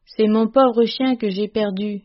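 A woman's voice: mid-range voice, fairly even intonation, unhurried, highs cut off, close to an everyday voice. A woman reading the lines of a timid, stammering young husband in an audiobook story, in a meek, pleading way.

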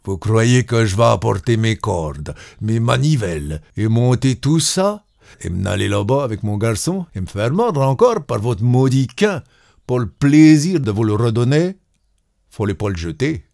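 A man voicing a blunt, gruff rural well-digger who haggles over a price in a read story. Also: lowish voice, measured pace. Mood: indignant. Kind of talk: storybook reading.

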